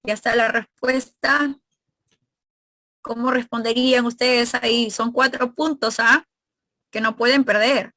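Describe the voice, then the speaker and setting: A woman's voice: on the high side, fairly even intonation, measured pace, pauses often, bright, forceful tone, no echo. A woman teacher leading an online exam review class, asking her students questions and explaining grammar step by step.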